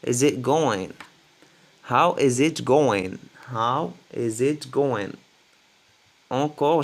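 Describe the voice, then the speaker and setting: A man teaching English greetings to French speakers, slowly repeating each phrase several times. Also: mid-range voice, fairly bright tone. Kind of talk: French-language English lesson.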